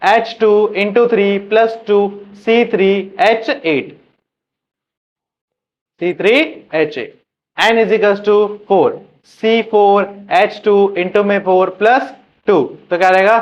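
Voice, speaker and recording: A man's voice: high voice, very slow. A man teaching a chemistry class, asking questions and repeating the answers for students to drill. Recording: muffled lo-fi classroom recording.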